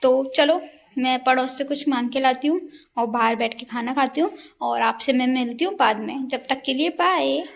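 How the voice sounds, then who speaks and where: Slight background noise accompanies a young Indian woman's casual outdoor vlog, where she chats with and teases the neighbourhood kids while filming on her phone. Her voice is high-pitched and creaky, at a normal speed.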